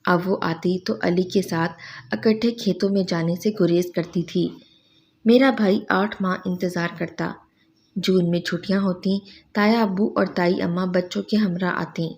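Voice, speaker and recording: Low-voiced woman narrating a sad story. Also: steady tone, a little mellow.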